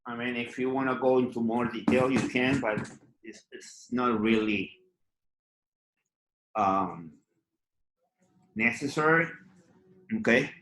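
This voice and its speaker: A man teaching an online drawing class, talking slowly and patiently and often checking in with "okay?". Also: mid-range voice, fairly bright tone, roomy sound, a little hiss or hum, low-quality recording. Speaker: art teacher.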